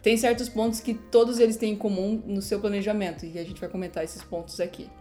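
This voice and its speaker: A woman appears as a guest on a podcast, chatting about her work in a lively, casual and easygoing way. Her voice sits at a mid pitch, and faint music plays in the background. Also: brisk. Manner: lively and laughing, speaking casually. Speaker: digital designer guest.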